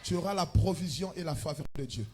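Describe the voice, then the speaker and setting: A man with a Congolese French accent preaching a sermon as pastor, with loud emphatic bursts and chanted lines. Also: on the high side, fairly quick. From Republic of the Congo. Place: church.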